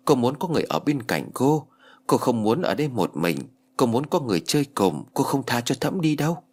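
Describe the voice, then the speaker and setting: A man's voice: medium pitch, big pitch swings, a little fast, a little mellow, husky. A man voicing a lonely, childlike female ghost who clings to her nephew, in a whiny, pleading way.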